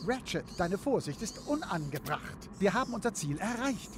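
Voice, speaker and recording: A tiny video game robot companion, courteous and trusting. The wording is precise and formal, with lively, earnest intonation over clearly audible game ambience. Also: male voice, high voice, normal speed, background noise. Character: small, polite, trusting male robot sidekick. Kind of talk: German video game dub acting.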